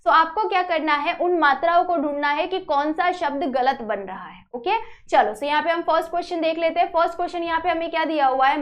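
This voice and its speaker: A woman teacher explaining a grammar lesson step by step, often pausing to check that students follow. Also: sits high. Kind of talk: classroom-style video lesson.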